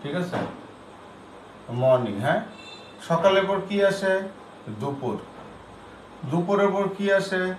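A man's voice: sits high, expressive, takes it slowly, pauses often. Male classroom teacher, keeps asking the class questions and repeating answers, echoey room with faint background hum. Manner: drills students with repeated questions. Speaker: English teacher. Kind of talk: classroom lecture.

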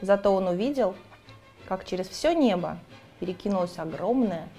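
A woman reading a children's book aloud, in an expressive storytelling manner. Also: mid-range voice, moderate pace, faint music behind. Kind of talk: storybook narration.

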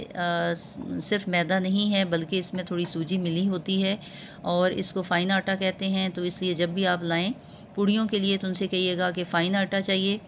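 A woman hosting a home cooking tutorial, explaining each step calmly with frequent pauses and filler sounds. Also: lowish voice, creaky, a little hiss or hum. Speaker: cooking channel host.

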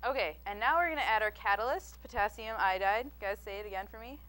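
A woman's voice: mid-range voice, fast talker, heavy background noise. A young woman demonstrating chemistry to schoolchildren, giving friendly step-by-step explanations on a studio stage. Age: young adult. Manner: friendly, clear, step-by-step instructions. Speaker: science demonstrator. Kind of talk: explaining a chemistry demo to children. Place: TV studio stage with a child audience.

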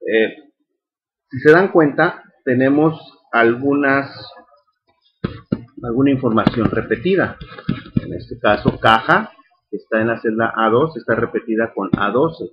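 A man's voice: medium pitch, a little slow, long pauses. Patient male teacher, slightly dull recording. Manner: patient, repeats steps, checks in with "ok". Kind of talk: screen-recorded spreadsheet tutorial.

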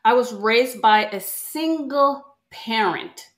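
A woman from Jamaica, a guest on a podcast, telling her story in a cheerful, unhurried way. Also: a little high. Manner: cheerful, unhurried, laughs easily. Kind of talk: conversational interview storytelling.

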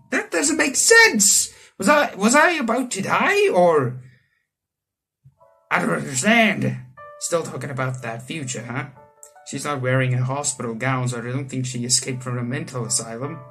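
The young South African let's player has a high, expressive, fairly bright voice at a moderate pace as he reads a visual novel aloud, mixing in casual rambling and joking asides. He records in a small indoor room, with soft music in the background.

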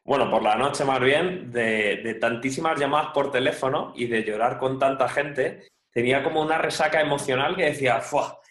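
A man tells his story calmly and in measured detail. His voice is mid-pitched and sounds roomy and echoey. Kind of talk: casual chat. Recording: roomy echo.

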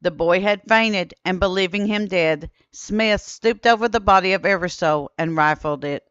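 A woman narrates a documentary script in a steady, measured way, reading old newspaper quotes aloud. Her voice is smooth and clear at a mid pitch. The recording is dry, with a slightly muffled, dull tone. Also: dry recording. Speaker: history channel narrator.

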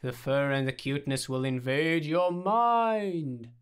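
A man's voice: on the high side, slow, clear, resonant tone. Brief: teasing, theatrical young man, coaxing and playful, read by a man.

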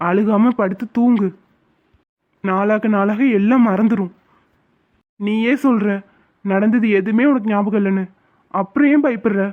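A performer voicing a steady, kind young man who is a police officer in a cartoon. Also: medium pitch, unhurried, pauses often, close to an everyday voice. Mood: calm. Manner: reassuring, calm. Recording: tinny phone-like sound.

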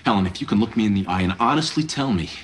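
A man's voice: lowish voice, expressive, rapid-fire, a little hiss or hum, natural voice. An American actor in his thirties playing a desperate, earnest lovesick man in a TV sitcom, pleading in a heartfelt love confession. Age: 30s. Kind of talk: 1990s TV sitcom acting.

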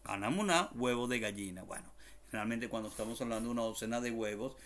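A man's voice: mid-range voice, fairly bright tone. A man teaching an online language lesson, repeating each word several times, spelling it out letter by letter and adding small jokes. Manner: explains slowly, repeats words many times, spells letter by letter, jokes aside.

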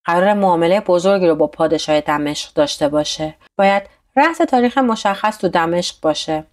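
A woman narrating a bedtime story in a calm, steady storytelling manner. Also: lowish voice.

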